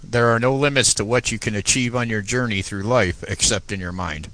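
A man's voice: on the low side, brisk, low-quality recording. A man casually chatting and reading inspirational quotes aloud. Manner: relaxed, reads quotes aloud. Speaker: co-host.

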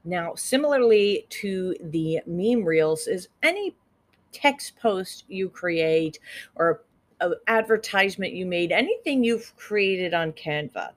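A woman hosting a podcast on her own, giving social media tips in a chatty, upbeat way and laughing at her own jokes. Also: on the low side. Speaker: podcast host. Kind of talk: casual solo podcast tips.

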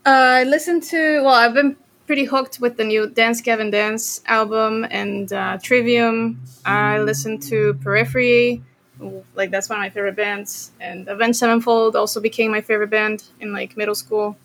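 A woman's voice: on the high side, moderate pace, slight background noise. Young costa rican woman chatting as a guest, lots of ums and restarts, laid back. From Costa Rica. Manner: relaxed, rambling with many fillers and restarts. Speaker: guest drummer. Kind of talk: casual interview chat.

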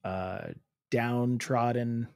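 A man's voice: medium pitch, fairly even intonation, drawn-out words, darkish tone. A young man playing a guessing quiz and chatting casually, hesitant and playful, sometimes imitating sounds. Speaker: quiz player. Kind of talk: casual chat.

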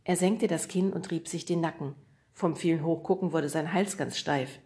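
Woman narrator, low voice, calm clear storytelling for a kids' audiobook. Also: moderate pace. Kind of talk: scripted narration.

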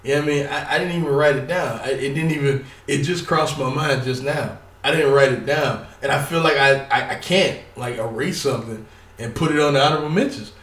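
A man's voice: on the high side, fairly bright tone, far from the mic. Rambling, profane man in an echoey room. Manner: profane, rambling, stuttering, filler-heavy. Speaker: wrestling commentator. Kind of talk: casual solo talk.

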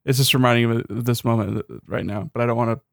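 Laid back young dude rambling about games, kinda wry, dry close sound. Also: male voice, medium pitch, steady tone, fast, gravelly, no room sound. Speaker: podcast co-host. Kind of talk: casual chat.

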